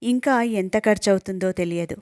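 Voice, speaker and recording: A woman's voice: medium pitch, normal speed, a little mellow, dry recording, clean studio sound. Woman narrating a storybook. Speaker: audiobook narrator.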